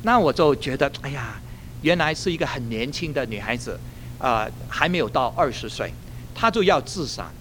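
A male pastor preaching a sermon, telling a story in an animated way and laughing at his own jokes. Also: mid-range voice, normal speed, a little hiss or hum.

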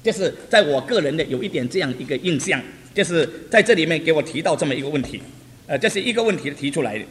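High-voiced preacher telling stories animatedly. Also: male voice, fast. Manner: repetitive, animated storytelling with chuckles. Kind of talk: sermon testimony. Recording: reverberant hall, faint noise.

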